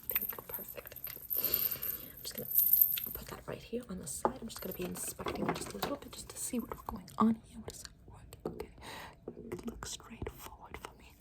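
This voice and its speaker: A woman with a slightly high voice does an ASMR roleplay as a makeover stylist, murmuring repetitive, reassuring step-by-step instructions in a personal-attention style. The audio quality is poor.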